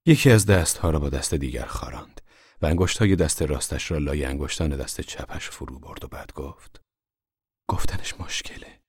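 A man narrating a novel in a calm, measured audiobook reading. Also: extremely low pitch, husky, dry recording, studio quality.

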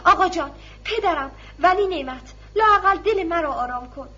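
A woman's voice: lively intonation, pushed and bright, dull audio, heavily acted. A woman voicing a distraught mother who sobs and pleads, in a storybook reading. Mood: pleading. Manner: sobbing, shrill pleading. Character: distraught middle-aged mother, wailing and pleading.

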